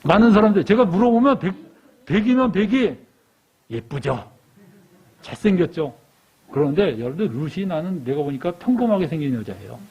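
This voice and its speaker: Man, lay preacher, high husky voice, lively storytelling sermon, dull lo-fi church recording. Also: normal speed. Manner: animated storytelling, asks the congregation questions.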